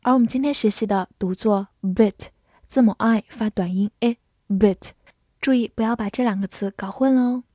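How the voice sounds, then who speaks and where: A fairly high-pitched woman with a mellow, dark tone gives a scripted English vocabulary lesson. She speaks clearly and patiently and slows right down for example sentences. The recording is very dry and close, with no room sound. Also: no echo. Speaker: English teacher.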